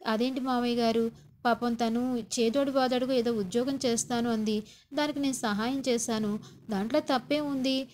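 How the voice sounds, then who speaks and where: A woman's voice: on the high side, steady tone, moderate pace, darkish tone, slight background noise, close to an everyday voice. A woman voicing a hurt young daughter-in-law who pleads and complains about unfair blame. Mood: aggrieved.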